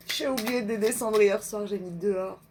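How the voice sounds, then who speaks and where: Slow-talking woman reading affirmations. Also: medium pitch, noisy background. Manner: slow, drawn-out reading of affirmations, chatty asides. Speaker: energy reader and card reader. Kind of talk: live card reading with affirmations.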